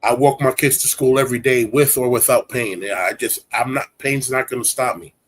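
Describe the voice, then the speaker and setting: A man's voice: medium pitch, fairly even intonation, a little fast, husky. A man in his forties hosting a casual chat, talking in a rambling, candid, streetwise way. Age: 40s. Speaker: host.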